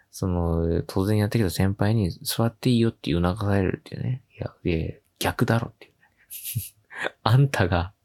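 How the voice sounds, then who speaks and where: A man hosting a casual solo radio show, telling a funny story with lively acted-out quotes and frequent laughs. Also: lowish voice, vocal fry. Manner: animated storytelling, acting out quoted voices with laughs. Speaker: podcast host.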